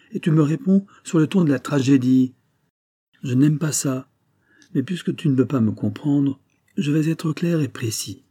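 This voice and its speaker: A man's voice: medium pitch, mellow, dry recording, studio quality, pitched above the performer's own voice, close to an everyday voice. A man voicing a vain, blustering older banker who lectures his son in a familiar, exasperated tone. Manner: familiar, then scolding and exasperated.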